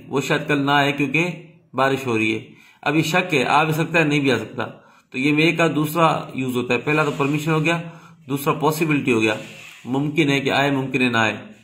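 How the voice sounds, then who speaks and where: A man's voice: fairly high pitch, a bit bright. A man, giving a video lesson as an English teacher and explaining patiently with frequent questions back to the students.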